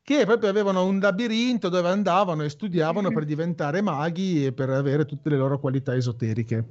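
A man's voice: on the high side, steady tone, a little fast, darkish tone. A man hosting a casual interview chat in a joking, rambling, digressive way. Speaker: host. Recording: slightly dull audio with music behind. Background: music.

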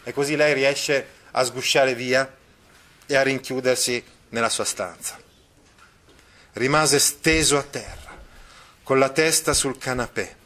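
A man's voice: medium pitch, takes it slowly, long pauses, pushed and bright. A man teaching literature, reading passages from a novel aloud and stopping to comment on them, with hesitant fillers and repeats.

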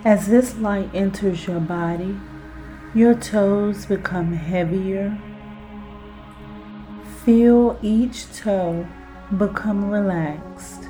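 Slow, mellow woman narrating sleep-style guided relaxation. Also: medium pitch, soft background music. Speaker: podcast host and relaxation guide.

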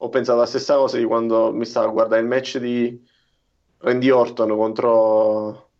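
A man of average pitch chats informally as a podcast panelist. His delivery is wry and prone to exaggeration, and the sound is dull, like a lo-fi call. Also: little pitch movement, normal speed, a little mellow. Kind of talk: casual chat.

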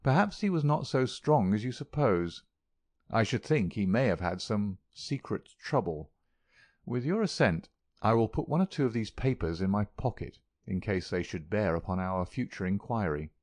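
A man voicing a calm gentleman detective who speaks in a measured, courteous, quietly probing way. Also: fairly low pitch, no room sound, natural voice.

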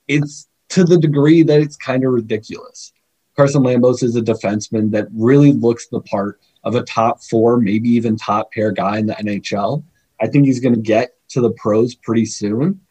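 Husky man talking hockey scouting. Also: medium pitch, rough recording. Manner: animated, laughs often, chatty. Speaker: scouting guest. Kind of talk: podcast interview.

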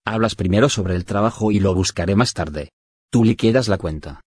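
Stern father, calm and curt, low pitch, husky, dry, a man reading. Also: normal speed, dry recording. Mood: cool. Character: stern, cold older father, middle-aged man.

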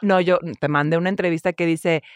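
A woman's voice: on the low side, steady tone, clear, resonant tone, dry recording. Woman chiming in, dry sound. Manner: frequent agreeing backchannels, quick interjections. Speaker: co-host. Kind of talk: casual gossip chat.

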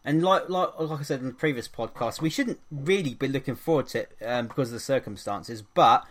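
A man's voice: medium pitch, a little fast. A man from England hosting a casual podcast, chatty and upbeat, with frequent ums and fillers. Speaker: podcast host.

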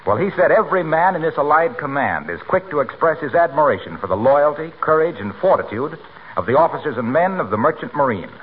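A man's voice: a little high, sing-song, quick pace. An actor playing a genial, breezy announcer friend with a hearty salesman's manner in 1940s radio comedy. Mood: earnest, persuasive. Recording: noisy tinny 1940s radio broadcast.

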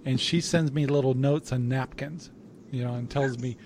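A man with an ordinary mid-range voice hosts a casual interview. He asks his questions in halting bursts, often restarting partway through. A faint noise runs under the recording. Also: medium pitch, steady tone. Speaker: host.

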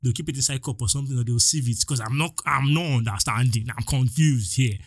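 A man's voice: medium pitch, fast, no room sound, clean studio sound. Ranting young Nigerian man podcasting. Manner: animated, exasperated, talks straight to listeners. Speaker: podcast host. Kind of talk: solo podcast rant.

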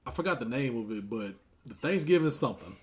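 A man with a medium-pitched, expressive voice hosts a casual comedy podcast, talking fast. His delivery is laid-back and loose, full of frequent "uh" fillers.

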